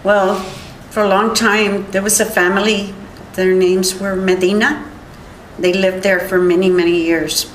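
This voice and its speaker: Older woman testifying slowly in an echoey courtroom. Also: mid-range voice, level tone, a little hiss or hum. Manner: halting, rambling retelling with many restarts. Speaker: witness.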